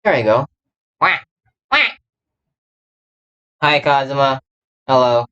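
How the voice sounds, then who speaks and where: A man, a gamer VTuber, chats casually on a livestream while setting up a game, his talk scattered, self-interrupting and repetitive. His mid-range voice is slow, pushed and bright, and smooth, though the recording is muffled.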